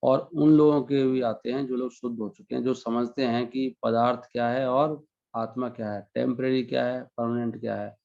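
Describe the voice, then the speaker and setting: Man, devotional talk, gravelly voice, slowly chanted verses, muffled lo-fi sound. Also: medium pitch, little pitch movement, darkish tone. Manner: explains scripture verse by verse, chanting Sanskrit lines slowly. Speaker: spiritual teacher. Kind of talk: devotional discourse.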